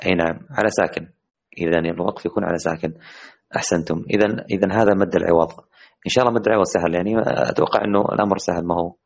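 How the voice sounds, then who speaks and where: Speaking in a low-pitched, steady tone with vocal fry, a man runs an online tajweed lesson for women. He tests them with questions, praises what they say, and recites examples with slow, elongated words.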